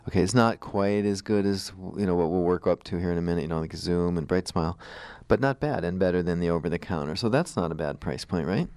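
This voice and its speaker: A man with a low, smooth voice hosts a radio interview in a dry studio sound. He talks informally and explains things step by step. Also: fast talker, hardly any pauses, darkish tone, dry recording. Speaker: radio show host, dentist.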